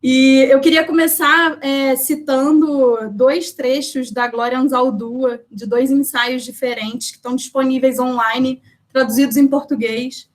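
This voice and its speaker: A high-voiced woman speaks steadily and unhurriedly while introducing herself at an online poetry event. A poet and researcher from Brazil, she joins by video call from home, chatty and warm in her thanks, with many fillers.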